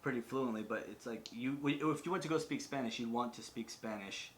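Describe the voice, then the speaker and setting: A man's voice: medium pitch, a little fast, a little hiss or hum. A man hosting a podcast in casual chat, rambling and swearing, with lots of filler words. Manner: rambling, profane, full of "like". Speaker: podcast host.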